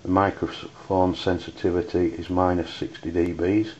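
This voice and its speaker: This amateur radio reviewer from the United Kingdom speaks in a low, flat tone, stumbling hesitantly through an off-the-cuff product review. Background noise sits under the dull, lo-fi sound.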